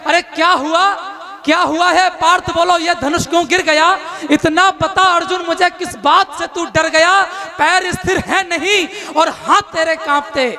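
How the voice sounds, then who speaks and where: A man's voice: extremely high pitch, steady tone, normal speed, sharp tone. A man reciting devotional verse on stage in a declamatory manner, repeating couplets for emphasis. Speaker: poet on stage. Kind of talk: Hindi devotional poetry recital at a poets' gathering. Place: poets' gathering before an audience. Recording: live stage microphone, faint crowd behind.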